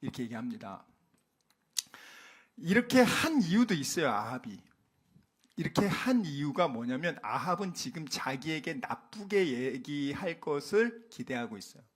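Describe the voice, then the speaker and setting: A man preaching a sermon in a church, animated and dramatic, often acting out dialogue as he teaches. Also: a little high, moderate pace, slightly rough. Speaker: pastor. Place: church sanctuary.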